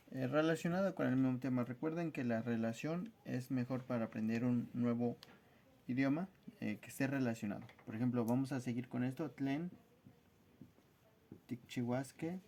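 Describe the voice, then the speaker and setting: A man teaching a language lesson at a whiteboard, spelling out words slowly and carefully in a friendly, casual way. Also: medium pitch, dark tone, slight background noise.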